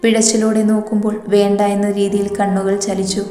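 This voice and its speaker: A woman storyteller reading a romantic story aloud in a slow, even, soft manner. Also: medium pitch. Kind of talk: scripted story narration. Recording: echoey reverberant room with faint music.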